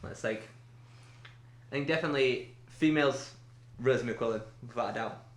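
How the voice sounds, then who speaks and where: A man's voice: mid-range voice, normal speed, roomy sound. A man from England co-hosting a podcast, chatting casually and laughing often. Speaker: podcast co-host. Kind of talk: casual chat.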